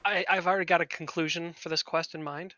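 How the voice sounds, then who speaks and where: A man joining a livestream as co-writer, pitching ideas in easygoing, casual chat. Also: steady tone, quick pace, pushed and bright, no echo, highs cut off.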